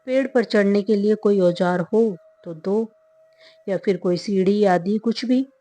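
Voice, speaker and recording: Woman putting on a loud, stingy old-style merchant. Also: medium pitch, a little slow, dry recording, faint music behind, lightly acted. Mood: haughty, pleading. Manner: loud, indignant, pleading. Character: stingy, haughty middle-aged male merchant.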